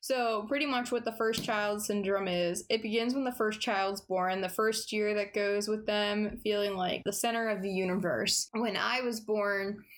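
A woman's voice: medium pitch, fairly even intonation, normal speed, hardly any pauses. A woman in her twenties hosting a podcast, bantering casually with her sibling, laughing often and swearing freely. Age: 20s. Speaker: podcast host.

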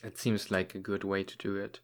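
Man, lowish voice, halting casual chat, frequent restarts. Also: little pitch movement. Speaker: co-host.

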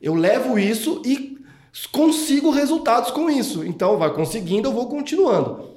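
Male podcast host, humorous and expansive, lively pitch, echoey room. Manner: joking, expansive, quick. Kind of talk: casual podcast chat. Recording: roomy echo.

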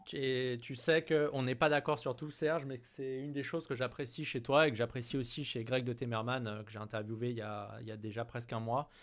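Dude hosting a stream interview, chill and friendly, reads out chat questions. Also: male voice, mid-range voice, fairly even intonation, brisk, few pauses. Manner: friendly, informal. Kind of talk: casual interview, reading live chat questions.

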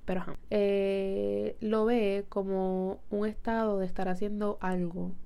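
A woman's voice: mid-range voice, little pitch movement, unhurried, vocal fry, mellow, clear, resonant tone. A young adult woman talks casually as a podcast host, mixing English words and phrases into her in an informal Spanglish. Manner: informal, conversational, with slangy asides. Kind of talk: casual solo podcast talk.

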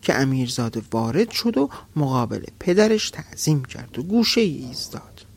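A man narrating a classic tale for a podcast, changing his delivery for the characters he quotes. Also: creaky. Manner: animated, shifts pitch and loudness for quoted speakers. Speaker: podcast storyteller. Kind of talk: storytelling narration.

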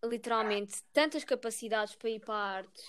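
A woman's voice: a little high, moderate pace, fairly bright tone, smooth. A young female student, chatting with friends in an emphatic, slangy way. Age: teens to young adult, school student. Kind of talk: casual chat among friends.

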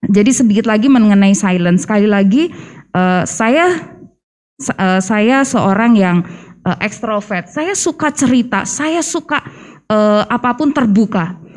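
A woman's voice: mid-range voice, a little slow. A woman counselor and co-host, telling personal stories in casual talk, acting out dialogue. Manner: animated storytelling, acts out quoted dialogue. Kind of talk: casual talk-show sharing.

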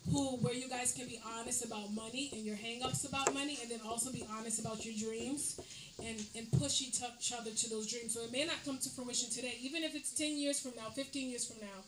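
Woman panelist giving money tips, slightly high voice, echoey hall with background hum. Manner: earnest, advising, conversational. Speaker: panel speaker on money and business. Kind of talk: live panel talk. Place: event space with live audience. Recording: echoey room with ambient noise.

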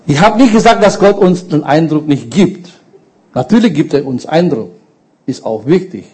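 A man preaching a sermon, slow and emphatic, often asking the congregation questions. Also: a little high, lively intonation, darkish tone, breathy edge, rough recording.

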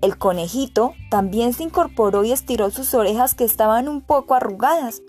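A woman narrating a storybook with even, clear delivery, faint music behind her. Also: fairly high pitch, a little fast. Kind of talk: storybook reading.

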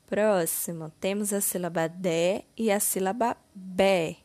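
A woman teacher with a Brazilian Portuguese accent going through a children's exercise, stretching each word slowly and clearly. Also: mid-range voice, fairly even intonation, a little mellow. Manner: slow, deliberate, syllable-by-syllable word stretching. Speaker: primary school teacher. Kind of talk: slow, clear lesson narration.

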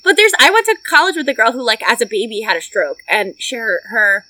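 A woman's voice: a little high, very animated, brisk, bright, forceful tone, no room sound, low-quality recording. A woman co-hosting a casual movie podcast, chatty and giggly, often trailing off. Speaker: podcast co-host.

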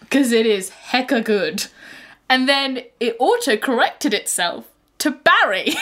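A woman hosts a casual podcast, recorded at a friend's house. Her voice sits a little high and swings widely in pitch. She is giggly and chatty as she explains how the show works. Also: fairly bright tone. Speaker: podcast host.

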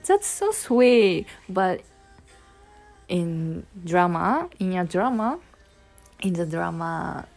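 Mixing English and Japanese, a Kansai-accented woman talks casually to herself in a playful, musing way. Her voice leans low, a bit mellow, with some vocal fry.

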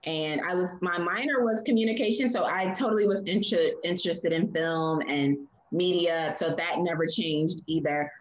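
A young adult woman from Philadelphia chats easily as an interview guest, peppering her talk with "like" and "um". Her voice sits a little low. The sound is dull and lo-fi and bounces around a roomy space. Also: moderate pace, hardly any pauses. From Philadelphia, USA. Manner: chatty, lots of "like" and "um". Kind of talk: casual interview conversation. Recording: echoey room, dull lo-fi sound.

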